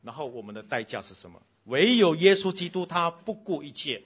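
A man preaching a sermon to a congregation, switching between loud exclamations and hushed lines, slipping in English phrases and speaking directly to the children. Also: fairly high pitch, sing-song, fairly quick, husky, lo-fi sound.

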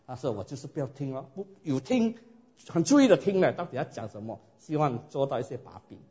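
A man preaching a sermon and telling his own story in a lively way, often asking his listeners rhetorical questions. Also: medium pitch, fairly quick. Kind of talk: sermon with personal testimony. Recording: dull lo-fi recording.

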